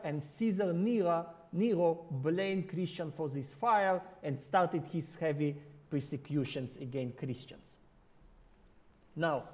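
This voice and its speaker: Here the preacher's voice comes across a little mellow, though still pitched a bit above the usual male range. He works through his sermon in hesitant, non-native English, frequently starting words over as he hunts for expressions.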